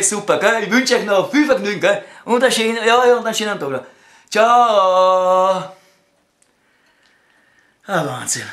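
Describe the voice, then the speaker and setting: A man with a Viennese accent doing a crude one-sided comic phone call at home, swinging between loud outbursts and low mutters. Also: echoey room. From Vienna, Austria. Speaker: comedian. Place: at home, indoors.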